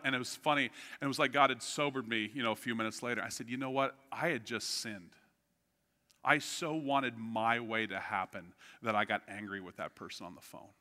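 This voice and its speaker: A middle-aged man preaching a sermon as pastor, telling stories with animated swings from loud outbursts to hushed, quiet lines. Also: mid-range voice. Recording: long hall reverb.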